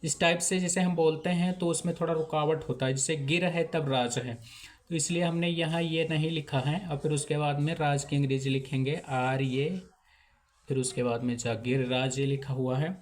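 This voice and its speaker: Male teacher, slightly high voice, slow repetitive step-by-step delivery. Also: little pitch movement. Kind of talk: handwriting lesson.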